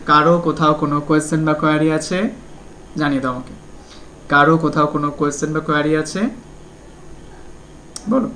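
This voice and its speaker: ধীরে ইংরেজি পড়ে বাংলায় বোঝানো শিক্ষক. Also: male voice, a little high, little pitch movement, bright, forceful tone, slight background noise. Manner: explains in Bengali, reads English syllabus slowly, often asks "ঠিক আছে?". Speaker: teacher. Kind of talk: online class lecture.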